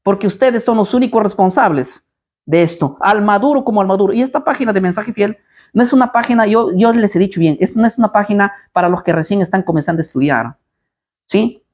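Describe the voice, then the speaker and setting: A man's voice: sits high, fast. A man preaching at a live Bible study, combative and blunt, firing rhetorical questions at his listeners.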